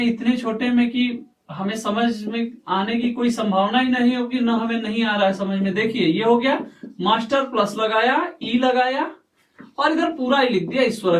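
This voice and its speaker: A man teaching a lesson, speaking slowly and repeating himself, often asking questions and answering them himself. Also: extremely high pitch. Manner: slow, repetitive, quizzing himself aloud. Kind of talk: explaining a lesson at a board. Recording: echoey room, voice far from mic.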